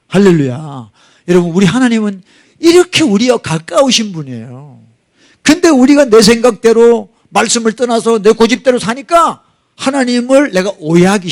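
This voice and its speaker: A middle-aged male pastor preaching a sermon to a live online group, impassioned and at times crying out in prayer. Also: sits high.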